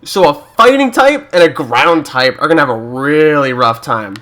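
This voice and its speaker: Young canadian guy, let's-play commentary, joking, slightly high voice. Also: animated, moderate pace, bright, forceful tone. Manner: chatty, joking, reads game prompts aloud and laughs often. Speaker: YouTuber.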